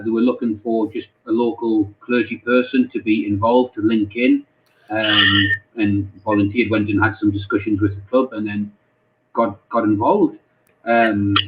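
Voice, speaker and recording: Man on a tinny call. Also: lowish voice. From North East England. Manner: halting, repeats words often. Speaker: football club chaplain. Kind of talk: casual interview answers. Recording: tinny phone-like call audio.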